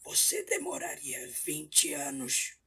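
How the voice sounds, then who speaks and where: A frail, dying old man rasps out his warnings in a breathy whisper. The voice is slow and gravelly, with a bright, thin edge to it. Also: fairly high pitch, huge pitch swings, pitched above the performer's own voice, heavily acted. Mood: ominous. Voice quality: raspy whisper. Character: dying old man, hoarse from throat cancer, ominous. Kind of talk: audiobook character voice.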